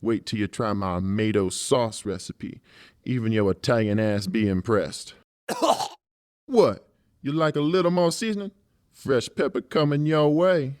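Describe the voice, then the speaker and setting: In a dramatized audiobook, a man voices a large, theatrical professional torturer who is gleefully sadistic and plays the comedian, full of taunting glee. His delivery is slangy, showy and taunting, in an unhurried mid-range voice that is a little mellow, clear and resonant. The sound is clean studio quality with no echo, and his voice is natural.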